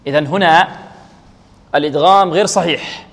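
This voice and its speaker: A male recitation teacher with a somewhat high voice drills pronunciation slowly and chants sample verses. He asks his own questions and answers them. The recording trails off in a long reverb. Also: fairly bright tone. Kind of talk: tajweed lesson with drills.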